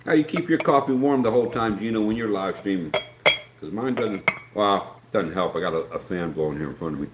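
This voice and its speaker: Reading the chat aloud as he goes, a live stream host from West Virginia rambles in casual, folksy conversation. His lowish voice is animated and brisk, with an Appalachian American accent, and the echoey room carries faint background noise.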